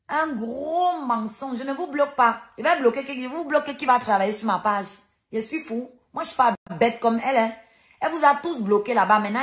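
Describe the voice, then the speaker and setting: A woman's voice: sits high, a bit bright. Combative, mocking woman ranting on a livestream. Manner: emphatic repetition. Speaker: online live streamer. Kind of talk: heated livestream rant.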